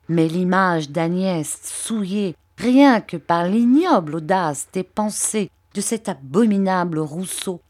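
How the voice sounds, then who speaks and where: A woman reads a classic novel aloud in a measured, expressive way. Her voice is on the low side, and she takes her time over each sentence. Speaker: audiobook narrator. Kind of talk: scripted literary narration.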